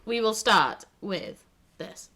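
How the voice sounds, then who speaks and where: A woman hosting a podcast, telling stories in casual chat, animated and swearing freely. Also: medium pitch, slow. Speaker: podcast host.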